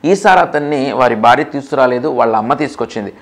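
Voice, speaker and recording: An earnest man in the role of a doctor tells a patient's story at an even, middling pitch. He circles back over his warnings, repeating key points to press them home. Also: quick pace. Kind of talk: earnest first-person account.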